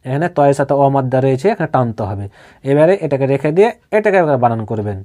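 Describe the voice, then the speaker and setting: A man teaching Quran reading who spells out syllables and then recites each word slowly, repeating it. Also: mid-range voice, expressive, warm tone.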